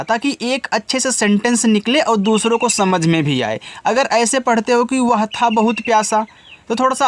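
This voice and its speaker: A man's voice: high voice, slight background noise. A man giving a casual spoken English lesson as a teacher, patient and repetitive, often asking his listeners questions. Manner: patient, repeats each step, often asks listeners directly.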